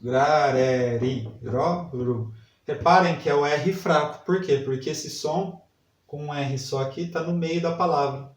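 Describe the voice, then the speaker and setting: A man teaching a literacy lesson, sounding out syllables slowly and repeating each word. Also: fairly high pitch, fairly even intonation, far from the mic. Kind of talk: slow spelling lesson for adult learners. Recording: echoey room, voice set back from mic.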